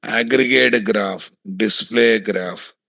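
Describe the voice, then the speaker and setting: A man with a Telugu Indian accent giving a hands-on software tutorial, thinking aloud, repeating himself and often putting questions to his students. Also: lowish voice, slow, gravelly, no room sound. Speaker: software testing instructor.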